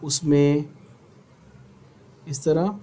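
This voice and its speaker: A man's voice: a little high, steady tone, very slow, warm tone. A man teaching biology for an exam, asking questions and having students repeat terms. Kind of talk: exam-prep lecture.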